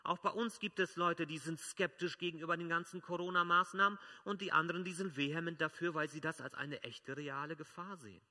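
A man preaching a sermon as pastor, emphatic, swelling loud and dropping soft. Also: a little high, steady tone, brisk, few pauses.

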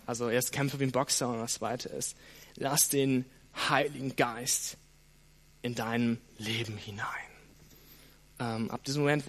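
With a medium-pitched voice, a man preaches straight to the congregation. He says "hey" and "ne?" a lot, keeping his delivery spirited and varied.

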